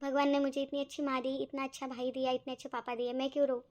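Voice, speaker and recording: A woman's voice: sits high, flat delivery, quick pace, darkish tone, natural voice. A woman voicing a tearful young married daughter in a cartoon, weepy and self-pitying. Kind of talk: cartoon voice acting.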